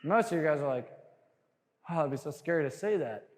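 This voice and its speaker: At a sales seminar, a brisk, animated trainer with a high-pitched voice keeps the live audience engaged through jokes and quizzes. His punchy energy rings out with lengthy reverb, as though the room is a spacious hall.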